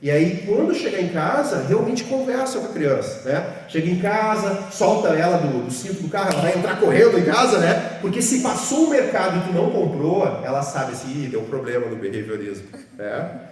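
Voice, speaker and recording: A man's voice: sits high, sing-song, moderate pace, far from the mic. Southern Brazilian man lecturing teachers in an echoey hall. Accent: southern Brazilian (Rio Grande do Sul). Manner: explanatory, constant tag questions, acts out scenes. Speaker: teacher trainer. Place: large hall with a group of teachers.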